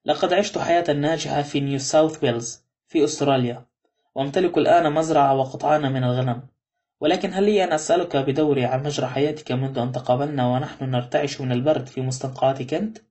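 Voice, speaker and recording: A man reading the lines of a calm, grateful older male ex-convict in an audiobook, quietly and evenly. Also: medium pitch, quick pace, natural voice.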